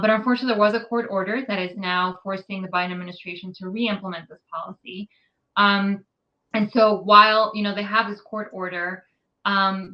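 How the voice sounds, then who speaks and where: A woman's voice: mid-range voice, lo-fi sound. A woman from New York City, an immigrant rights advocate, giving articulate, detailed interview answers with frequent ums.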